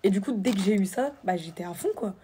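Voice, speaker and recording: A young woman chatting casually on a podcast, sick, with a hoarse, husky voice like an old man's. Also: medium pitch, fast, dark tone, slight background noise. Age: young adult. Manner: informal, slangy. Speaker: podcast co-host. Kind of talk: casual chat.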